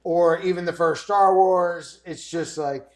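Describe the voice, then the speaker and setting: High-voiced man hosting a chat. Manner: animated, reacts with quick interjections. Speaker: podcast host. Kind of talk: casual podcast chat.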